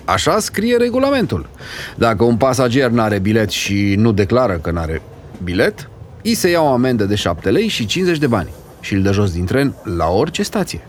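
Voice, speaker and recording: A male storyteller in a mid-range voice whose pitch rises and falls dramatically as he reads. His delivery is lively and expressive, and he acts out the characters as he goes. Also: a little hiss or hum. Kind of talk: dramatic reading of a classic story.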